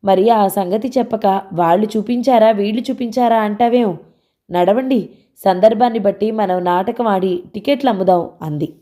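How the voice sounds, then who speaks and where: A woman's voice: normal speed, mellow. A woman narrating a novel aloud and voicing the characters' dialogue. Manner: changes pitch slightly for characters' quoted lines.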